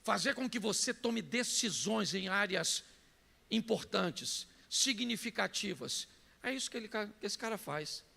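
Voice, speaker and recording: A man with a Brazilian Portuguese accent preaching a sermon, telling stories and breaking into shouts. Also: high voice, animated, measured pace, creaky, big-room sound. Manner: storytelling preacher who bursts into shouts. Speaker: pastor.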